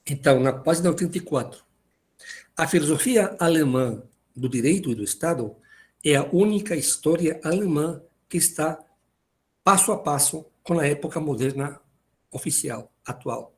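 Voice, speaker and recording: Male lecturer, fairly high voice, halting delivery with frequent restarts, reads quotes then explains. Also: darkish tone. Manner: hesitant, repeats words while searching for them. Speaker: philosophy lecturer. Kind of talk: university lecture.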